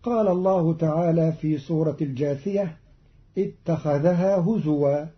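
A man, a Quran reading scholar, giving a formal scripted explanation of recitation variants in a measured, precise way, quoting verses in a chanted lilt. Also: a little high. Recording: dull old radio archive recording.

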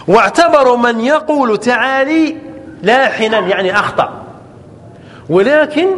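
A man teaching an Arabic grammar class, slowly drawing out example words and often checking that the students follow. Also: very high voice, fairly bright tone. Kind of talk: classroom lesson. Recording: echoey hall with faint ambient noise.

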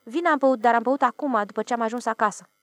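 A woman's voice: a little high, no echo, lightly acted. A woman voicing a frightened village man, insisting with oaths that he saw a flying saucer. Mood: pleading. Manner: pleading, emphatic, swearing oaths.

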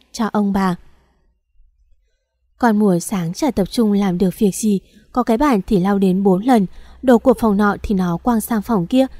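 A woman narrating a story for an audiobook in a steady, even storytelling manner, close to the mic. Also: medium pitch, no echo. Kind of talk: scripted narration.

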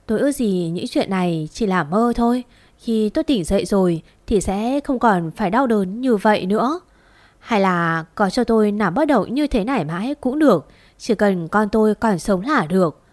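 A woman narrating a first-person audio story in a slow, mournful storytelling manner. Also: medium pitch, expressive, darkish tone, dry recording.

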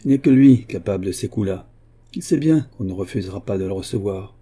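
A man's voice: lowish voice, lively intonation, a little fast, dark tone, husky. A man voicing a frightened, guilty father who is a murderer. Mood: muttering. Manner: agitated, fearful.

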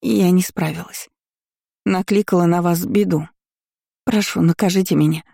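A guilt-stricken servant woman as a narrator plays her begs forgiveness in a crushed, repentant voice. The tone is mellow and dark, with a touch of gravel, in a dry, close reading. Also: medium pitch, steady tone, normal speed, no room sound. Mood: remorseful.

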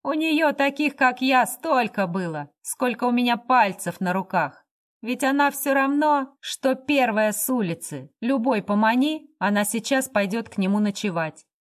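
A coarse drunken man bellows and jeers at everyone around him, loud and crude, his taunts sneering and shameless, as a woman reading the story puts him on. He mocks and shouts from his chair in a storybook reading. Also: on the high side, animated, moderate pace, voice pushed up, close to an everyday voice. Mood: contemptuous.

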